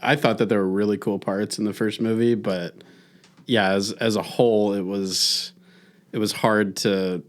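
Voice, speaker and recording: A man co-hosting a podcast in casual chat, measured and thoughtful. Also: lowish voice, steady tone. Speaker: podcast co-host.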